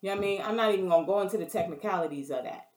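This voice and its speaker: A woman's voice: medium pitch, racing. A woman telling a story in a blunt, profane, casual rant, often checking in with the listener. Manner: blunt, profane, keeps asking "you know what I mean". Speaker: vlogger. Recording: roomy echo.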